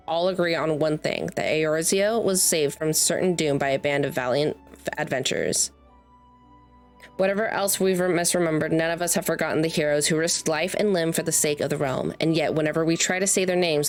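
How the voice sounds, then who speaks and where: Woman playing fantasy game guildmaster: motherly, measured, formal, low register, faint music underneath. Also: natural voice. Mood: grave, solemn. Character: motherly guildmaster welcoming adventurers, grave and formal. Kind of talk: reading fantasy game dialogue aloud.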